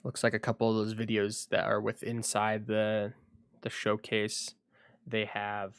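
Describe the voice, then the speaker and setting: A man talks through a casual livestream from his computer at home, thinking aloud and pausing often as he goes. His voice sits on the low side. The sound is dry, with no room echo. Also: monotone, clean tone. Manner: rambling, thinking aloud with frequent pauses. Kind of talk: casual solo livestream chat.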